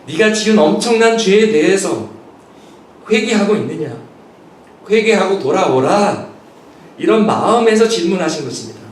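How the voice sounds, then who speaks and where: A man's voice: high-pitched, sing-song, moderate pace, long pauses. A man preaching a Sunday sermon as pastor, earnestly acting out the questions and voices he quotes. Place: church sanctuary. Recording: echoey church hall picked up from a distance.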